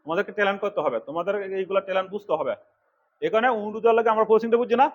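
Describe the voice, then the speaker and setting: A middle-aged man from Bangladesh, an instructor giving a fast classroom lecture, scolding and urging his students. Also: sits high, phone-quality sound. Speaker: computer course instructor.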